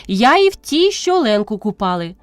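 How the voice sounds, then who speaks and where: A woman's voice: on the high side, sing-song, a little fast, no echo, soft background music. A woman voicing a hospitable young village wife who insists friendly on her guest staying, in an audiobook. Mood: insistent.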